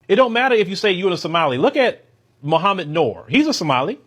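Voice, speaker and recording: A man's voice: high-pitched, big pitch swings, fast, a bit bright. A man speaking bluntly and with emphasis in a clip taken from another video.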